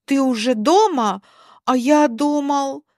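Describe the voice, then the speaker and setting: A woman's voice: on the high side, lively intonation, normal speed, darkish tone, dry recording, studio quality, close to an everyday voice. A woman voicing a weary, apologetic young husband in a spoken story.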